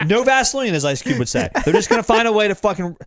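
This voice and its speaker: Fast, animated podcast man ranting. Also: high voice, no echo, clean studio sound. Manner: quick, animated, profane ranting. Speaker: podcast co-host. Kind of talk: casual chat.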